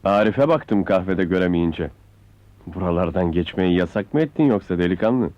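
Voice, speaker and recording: A man's voice: low voice, expressive, moderate pace, no room sound. An actor playing a sly neighborhood man who needles a young couple in an old film. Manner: sardonic, needling. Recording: dry, dull film soundtrack.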